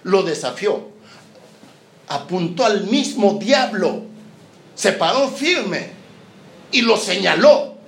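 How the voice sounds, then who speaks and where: A man's voice: high-pitched, slow, gravelly, pauses often. A man with a Chilean accent preaching a sermon, joking and acting out scenes. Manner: lively, joking, acts out scenes. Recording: roomy echoing hall.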